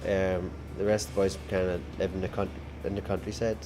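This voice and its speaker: A man's voice: sits low, level tone, fairly quick, music in the background. A man with a Northern Irish accent, a rock band drummer, telling stories in a casual interview chat with plenty of fillers. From Northern Ireland. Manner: chatty storytelling with fillers.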